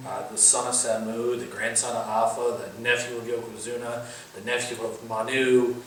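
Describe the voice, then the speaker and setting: Male pundit, mid-pitched, casual interview previews with announcer-style detail, strong echo and faint background noise. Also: flat delivery, moderate pace. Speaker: wrestling pundit previewing shows. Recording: very echoey room, distant mic, faint noise.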